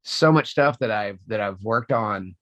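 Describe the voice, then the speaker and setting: A man's voice: lowish voice, unhurried. A man in his forties, a voice actor, telling stories in a casual interview, full of restarts and acting out what people said. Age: 40s. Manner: animated storyteller, acts out quotes, many restarts. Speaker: voice actor guest.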